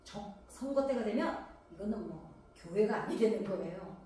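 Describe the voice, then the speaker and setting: A woman's voice: medium pitch, animated, normal speed, dark tone, a little hiss or hum. A woman from Gangwon Province, South Korea, preaching a sermon in a conversational way, firing rhetorical questions at the congregation. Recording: very echoey hall, voice from a distance.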